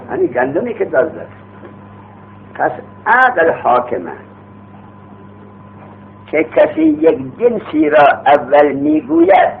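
A man lecturing on a grammar text in a lively, rising-and-falling voice. He asks questions and answers them himself, drawing on street examples. The sound is thin and phone-like, with a faint hum underneath. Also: a little high, creaky. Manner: uses everyday street examples and acts out vendors calling. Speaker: teacher of Arabic grammar.

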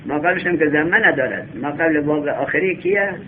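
A male teacher giving a classroom lesson, reading a text slowly aloud, then explaining it and quizzing his students. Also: on the high side. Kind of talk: classroom lesson on Arabic grammar. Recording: tinny lo-fi recording with faint hum.

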